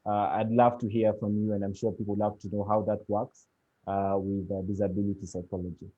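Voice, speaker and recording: A man's voice: lowish voice, level tone, fairly quick, warm tone, no echo. Hesitant man moderating a panel. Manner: hesitant, many fillers. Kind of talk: live online panel moderation. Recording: muffled lo-fi audio.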